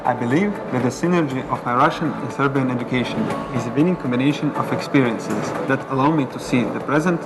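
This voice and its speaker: A man reading a fluent, brisk testimonial as scripted video narration. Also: medium pitch, rough recording. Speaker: former scholarship student. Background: music.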